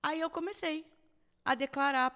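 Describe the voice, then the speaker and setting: A woman podcast guest giving a personal faith testimony, telling it as a lively story and acting out the dialogue. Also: high voice, moderate pace. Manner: animated storyteller who acts out quoted dialogue. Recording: long reverb, roomy sound.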